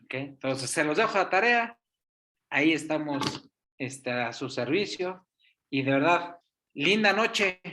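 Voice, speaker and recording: A man teaching an online coaching webinar, lively and fond of acting out examples. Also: fairly high pitch, slow, background noise. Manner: animated, acts out voices in his examples. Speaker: coaching instructor. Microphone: video call.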